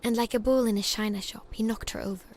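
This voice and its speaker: A woman's voice: on the high side, steady tone, quick pace, a little mellow, slight background noise, lightly acted. A woman giving scripted storybook narration in a game.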